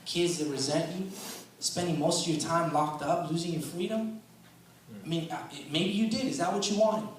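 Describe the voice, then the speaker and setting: A man preaching a sermon in a conversational storytelling way, often saying "man" and repeating words, and getting loud and intense to drive a point home. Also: fairly high pitch, moderate pace. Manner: rises loud and intense for emphasis. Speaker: guest preacher. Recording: echoey hall, voice picked up from a distance.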